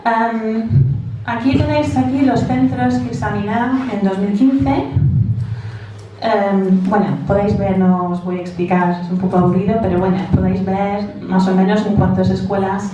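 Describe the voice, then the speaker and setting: A woman's voice: mid-range voice, normal speed, warm tone, lo-fi sound. Echoey, distant woman with English-accented Spanish. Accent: English-speaking, non-native Spanish. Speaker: English teacher presenting at a conference. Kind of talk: informal conference presentation. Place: large echoey indoor room. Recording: very echoey room, distant mic, faint noise.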